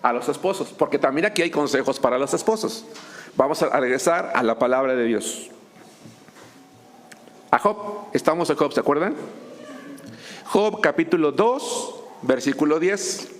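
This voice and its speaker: A man's voice: medium pitch, animated, normal speed, long pauses, a bit bright, slight background noise. A man, a pastor preaching a sermon, joking and acting out little scenes between husbands and wives. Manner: humorous, acts out couples' dialogue.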